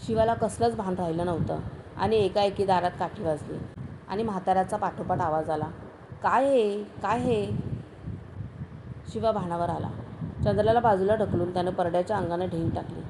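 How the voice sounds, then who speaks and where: A woman reading a story aloud as narrator, steady and measured. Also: on the low side, background noise. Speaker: story reader.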